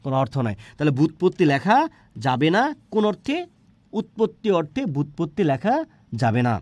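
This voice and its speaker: A man teaches spelling rules, and he talks very fast. His voice sits a little high, and he keeps asking and answering his own questions. The sound is dry and close. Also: a little mellow, no echo. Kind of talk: spelling lesson for exam prep.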